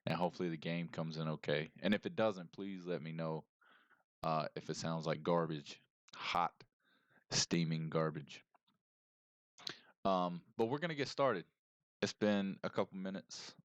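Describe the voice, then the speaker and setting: A deep, low-pitched man in his thirties talks to his stream chat through a headset mic, rambling and chatty, greeting viewers one by one. The livestream audio is close and dry, with a smooth, clean tone. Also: a little slow, long pauses, dry recording.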